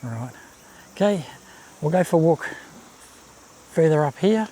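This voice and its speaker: A man gives casual, unhurried commentary on a nature walk, outdoors by a babbling creek. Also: fairly high pitch, lively intonation, warm tone. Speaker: walking vlog host. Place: outdoors on a bush walkway and swing bridge by a creek. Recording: outdoor ambience, faint insect noise. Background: cicadas, birds, babbling creek.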